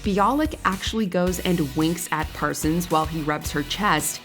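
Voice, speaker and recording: Reading a countdown list script at a normal pace, this woman has a lowish, fairly bright voice. Music plays underneath her narration.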